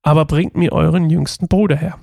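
A man's voice: fairly high pitch, fairly even intonation, a little fast, vocal fry, darkish tone, no room sound, clean studio sound. Josef, a man reading a stern ruler. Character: stern Egyptian ruler testing his brothers.

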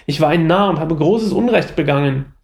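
A man's voice: a little high, moderate pace, vocal fry, darkish tone. A man voicing a remorseful aging king who asks forgiveness.

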